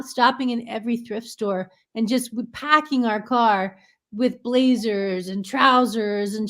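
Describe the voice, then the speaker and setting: A woman filmmaker as a podcast guest, telling stories in a rambling way full of restarts and fillers. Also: fairly high pitch. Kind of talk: casual interview chat.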